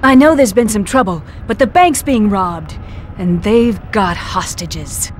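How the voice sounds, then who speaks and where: A woman's voice: mid-range voice, expressive, unhurried, a little hiss or hum, natural voice. A woman playing a confident, helpful costumed ally in a video game, giving instructions in a familiar way. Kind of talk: video game tutorial dialogue.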